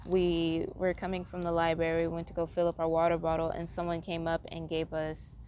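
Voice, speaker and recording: A woman with a fairly low voice rambles through a casual, tired monologue, circling back on herself and leaning on "like" at every turn. Steady background noise with passing vehicles runs under her voice. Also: a little fast. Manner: meandering, heavy use of "like" fillers. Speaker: vlogger.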